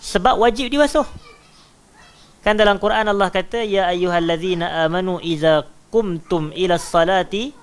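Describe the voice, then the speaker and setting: A man with a Malaysian Malay accent, a religious teacher giving a lecture on scripture. He recites Arabic verses slowly and explains them word by word, raising his voice for emphasis and then dropping it low.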